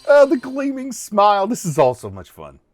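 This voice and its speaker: A man's voice: high-pitched, wildly swooping pitch, moderate pace, faint music behind. A middle-aged man giving casual, jokey running reaction commentary as host, chuckling and exclaiming as he goes.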